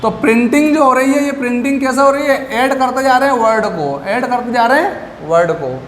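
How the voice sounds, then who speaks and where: A man's voice: extremely high pitch, a little fast, a bit bright. A man teaching a lecture class, asking questions and answering them himself with memory tricks. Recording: echoey room with faint background noise.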